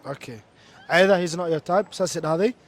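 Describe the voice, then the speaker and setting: Outdoors in a city centre, a young man with a Somali accent runs a street interview vlog filmed on a handheld camera. His voice is on the high side and slightly raised, and he talks very fast, chatty and quick, jumping between two languages.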